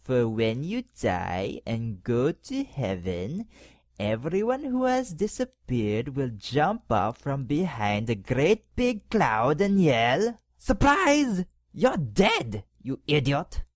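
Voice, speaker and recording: A man's voice: medium pitch, big pitch swings, slow pace, a little mellow, dry recording, clean studio sound. A man playing a sneering scheming cardinal. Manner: sneering, condescending, mock-polite. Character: scheming power-hungry male cardinal poisoning the pope. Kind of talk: audio drama acting.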